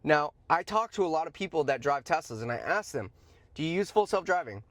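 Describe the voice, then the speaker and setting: Very animated and fairly quick, this host of a stock commentary show has a voice on the high side, recorded dry. His casual, opinionated commentary is blunt and emphatic, full of slangy asides and points repeated for stress.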